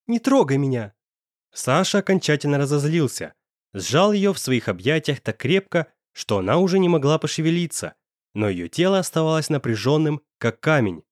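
Brief: male audiobook narrator, expressive, animated intonation, dry studio sound. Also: fairly high pitch, moderate pace, no echo. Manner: expressive storytelling. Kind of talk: audiobook narration of a romance novel.

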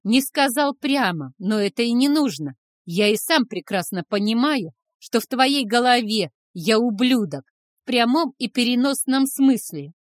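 A woman reading aloud voices an angry, tearful teenage boy who shouts bitter accusations at his father. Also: a little high, animated, measured pace, no room sound, studio quality, pitched above the performer's own voice. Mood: angry shouting. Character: angry tearful teenage boy, half-blood dragon son.

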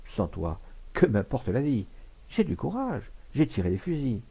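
A man's voice: mid-range voice, huge pitch swings, unhurried, vocal fry, dark tone, breathy edge, highs cut off, voice pushed up, full character voice. A man voicing a passionate young actress. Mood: defiant. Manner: pleading, emotional.

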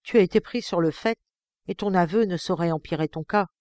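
A woman voicing an outraged middle-aged male banker who shouts accusations at his son, in an audiobook. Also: lowish voice, a little fast, dry recording, lightly acted. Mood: pleading.

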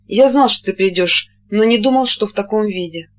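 A taciturn male artist, blunt and stern, speaking in an even, unhurried tone, as an audiobook reader puts him on. He sits a little lower than the narration, in a middle register, and the recording sounds dull and lo-fi. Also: lightly acted. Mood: sad.

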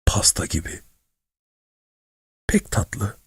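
A man voicing a gruff, grumbling poor father in a read-aloud story. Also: slow, no echo, clean studio sound, lightly acted.

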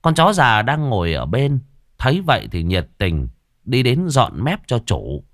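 A man's voice: mid-range voice, huge pitch swings, a little slow, fairly bright tone, no room sound, clean studio sound. A man telling an earthy, crude comic village story.

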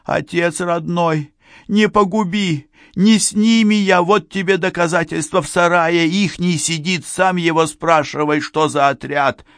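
Male reader doing a squealing old beekeeper, cowering and fawning, pitched way up, dry sound. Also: slow pace, gravelly, a bit bright, no room sound, heavily acted. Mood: panicked. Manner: whining, groveling, high squeals. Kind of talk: audiobook character voice.

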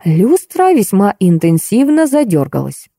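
A woman narrating an ironic detective novel in the first person, wry and even. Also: medium pitch, measured pace, dry recording, studio quality. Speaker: audiobook reader.

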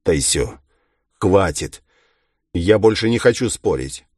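A man's voice: deep voice, lively intonation, slow pace, darkish tone, husky, no room sound, clean studio sound, heavily acted. A man reading a desperate police inspector. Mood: pleading.

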